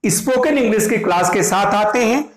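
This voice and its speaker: A man's voice: high-pitched, lively intonation, moderate pace, reverberant, poor audio. An Indian man teaching a spoken English class in a classroom, explaining each point step by step and repeating it in Hindi. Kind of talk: classroom language lesson. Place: classroom with students.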